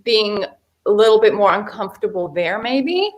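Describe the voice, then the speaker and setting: A woman's voice: mid-range voice, normal speed. A middle-aged woman from Finland, a model and actress, chatting casually as an interview guest and telling stories with frequent laughs. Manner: chatty, laughs often, animated storytelling.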